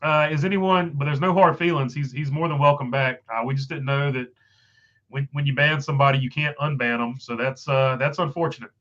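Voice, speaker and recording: A man whose voice is fading and whose nose is stuffed rambles casually through his livestream chat, using many fillers. He keeps a medium pitch and steady tone, talking fairly quickly with some brightness, while the recording has its highs cut off.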